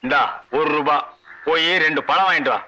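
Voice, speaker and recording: An actor playing a bossy, short-tempered middle-aged troupe leader in a 1980s film comedy, loud and sarcastic. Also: male voice, a little high, fairly quick, highs cut off. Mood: exasperated. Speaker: leader of a folk dance troupe.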